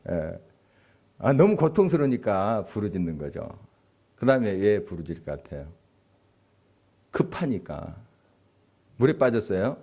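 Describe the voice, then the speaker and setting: Male pastor, sermon in a church, deep voice, warm dark tone, chatty with questions to the pews. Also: very animated, a little slow, pauses often. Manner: conversational, asks the congregation questions and chuckles. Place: church sanctuary.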